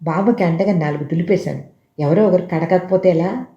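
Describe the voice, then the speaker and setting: A storyteller voicing a sharp-tongued, defiant thirteen-year-old girl who drawls and mocks, in a roomy, dull recording. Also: mid-range voice, fairly quick, natural voice. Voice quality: drawling, mocking.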